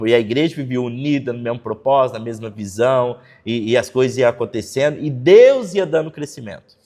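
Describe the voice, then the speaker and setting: A man's voice: medium pitch, darkish tone. A man preaching a casual sermon in conversational, slangy talk with many fillers, acting out quoted church members in mocking voices. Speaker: pastor. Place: church service.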